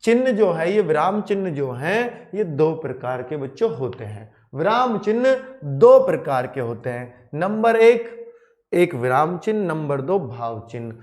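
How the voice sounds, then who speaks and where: Male exam-prep Hindi teacher with a slightly high, very lively voice; keeps calling the class children and asking if they follow. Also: unhurried. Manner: animated, addresses students as children, repeats and asks checking questions. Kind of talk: classroom lecture to exam students.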